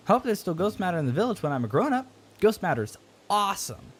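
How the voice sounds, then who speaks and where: A man voicing an excitable young alien child in a video game, chirpy and bubbly in a high kid voice. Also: fast. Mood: excited.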